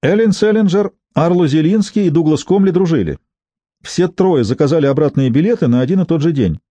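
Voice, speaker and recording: A man's voice: a little high, animated, brisk, warm tone, dry recording, pitched above the performer's own voice. A man voicing a businesslike male detective calling in an audiobook, matter-of-fact and briefing.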